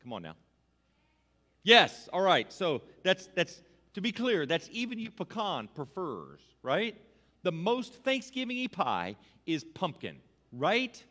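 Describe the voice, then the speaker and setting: A man's voice: high-pitched, big pitch swings, slow, bright, forceful tone. A man preaching a casual, playful Thanksgiving sermon to his congregation, joking and getting them to repeat lines after him. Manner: playful, audience-engaging, asks congregation to repeat. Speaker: pastor. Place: church sanctuary with congregation. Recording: long hall reverb.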